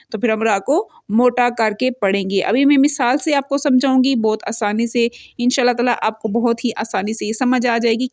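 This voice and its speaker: A fairly high-voiced woman teaching Quran recitation, patient and repetitive, slowing right down to chant each example verse. She explains each rule step by step in a close, dry recording with no room sound. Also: no echo. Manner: patient, repeats points, stretches recited verses slowly.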